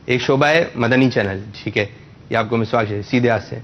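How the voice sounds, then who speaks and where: A man's voice: mid-range voice, lo-fi sound, a little hiss or hum. A man hosting a religious quiz show for children, patiently correcting and repeating their answers.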